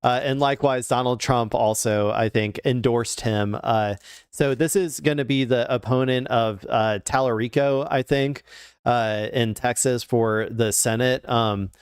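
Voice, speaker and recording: A man's voice: medium pitch, steady tone, measured pace, clean tone, no room sound, clean studio sound. A man commenting casually on political news clips, rambling with frequent fillers and restarts.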